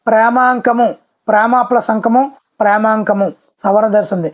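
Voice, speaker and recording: A teacher giving a brisk voice-over exam-prep lesson, often repeating key words and addressing viewers politely. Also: mid-range voice, steady tone.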